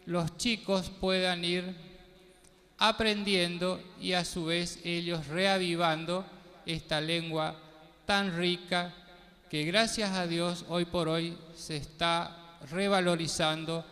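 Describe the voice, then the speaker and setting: Guy talking real slow and earnest, slightly high voice, big echo. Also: fairly even intonation, pushed and bright. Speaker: speaker on guaraní teaching. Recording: long reverb in a hall.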